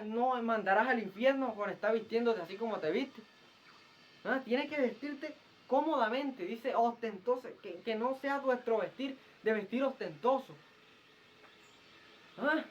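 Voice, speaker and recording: A man preaching a fiery, scolding sermon, firing off rhetorical questions and repeating himself. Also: very high-pitched. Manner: repeats phrases and stumbles into restarts. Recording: muffled lo-fi recording.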